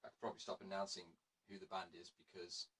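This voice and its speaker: A man's voice: low voice, completely flat delivery, fast, fairly bright tone, a little hiss or hum. A man hosting a casual show, chatty and laughing, often correcting himself. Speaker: radio show host. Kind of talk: casual chat.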